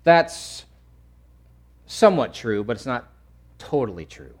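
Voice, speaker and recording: A man preaching a sermon, swinging from loud to hushed and repeating phrases for emphasis. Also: medium pitch, moderate pace. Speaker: pastor.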